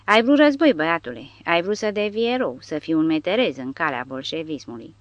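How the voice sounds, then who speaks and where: A woman's voice: fairly low pitch, animated, dry recording, lightly acted. A mocking soldier , voiced by a woman reader, heaps scorn on a comrade. The recording is dry and dull. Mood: scornful. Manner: scolding and sarcastic.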